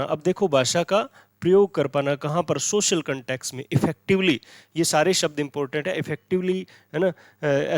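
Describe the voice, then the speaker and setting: Indian male tutor, slightly high pitch, dry close mic, asks and answers his own questions, slow careful English readings. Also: no room sound. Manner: repeats key words as questions and answers them. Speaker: teacher. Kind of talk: exam-prep lecture.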